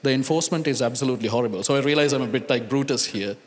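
A Sri Lankan data scientist in his thirties gives a conference panel talk from a large hall stage, holding a handheld microphone amid long reverb. His mid-range voice comes across as earnest and deliberate, with pauses and restarts.

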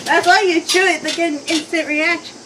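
A woman's voice: very high-pitched, steady tone, fairly quick. A young woman chatting casually and giggling, grossed out as she eats gross jelly beans in a challenge. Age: young adult. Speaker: challenge video participant. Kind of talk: casual banter in a food challenge. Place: outdoor porch swing. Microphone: camera a few feet away. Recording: distant camera mic, noisy outdoor ambience.

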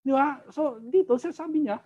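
Animated Filipino-accented Bible teacher, muffled audio. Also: high voice, moderate pace. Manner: animated, keeps asking "di ba?". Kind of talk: Taglish Bible study teaching.

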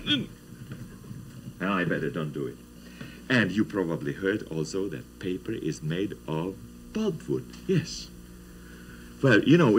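Slow man telling kids a story. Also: lowish voice, slight background noise, poor audio. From Czech lands. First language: Czech. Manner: playful, asks children questions. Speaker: children's TV host. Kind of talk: storytelling to children.

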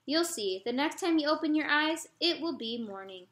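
A woman's voice: high voice, lively intonation, moderate pace, reverberant, pitched above the performer's own voice. A woman doing a tired, soothing frog dad. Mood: hushed. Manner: soothing, sleepy and gently weary. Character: tired, patient frog father. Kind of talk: storybook read-aloud.

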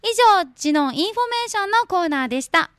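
A woman hosting a morning community radio show. She chats with listeners and reads a picture book aloud in a gentle, friendly way. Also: extremely high pitch, lively intonation, racing, no echo, clean studio sound. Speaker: radio host. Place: radio studio.

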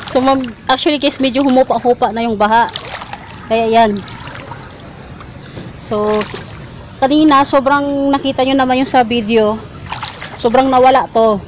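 A woman's voice: sits high, slow pace, pauses often, low-quality recording. A cheerful young woman vlogging outdoors at a flooded farm, laughing often and talking to her viewers as guys. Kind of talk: casual vlog chat. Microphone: phone at arm's length. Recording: outdoor noise from a phone.

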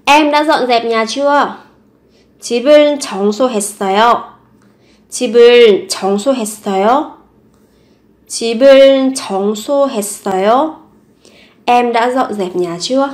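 A young woman with a Vietnamese accent teaches short phrases in a lesson, her voice sitting a little high. She speaks patiently and says each example more than once. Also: brisk, long pauses. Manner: patient, repeats example phrases several times. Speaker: Korean language teacher. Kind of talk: language lesson explaining phrases.

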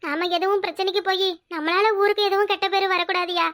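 A woman's voice: very high-pitched, steady tone, fast, fairly bright tone. A woman voicing a worried, tearful older village mother and sister in a cartoon, pleading and scolding. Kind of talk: cartoon voice acting.

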